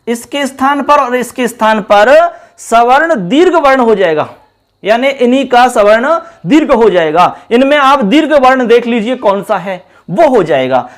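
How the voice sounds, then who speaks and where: Man teaching grammar step by step. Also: extremely high pitch. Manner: explains step by step, repeating key terms; addresses viewers as friends. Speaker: Sanskrit teacher. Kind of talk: classroom lesson at a board.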